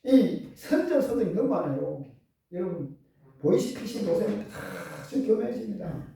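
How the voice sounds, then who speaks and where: A male pastor delivers a sermon, firing rhetorical questions at the congregation. His voice is dark and mellow yet swings widely in pitch. He is heard from a distance in a strongly echoing church hall. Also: very animated, moderate pace, creaky, a little hiss or hum. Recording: echoey church hall from far off.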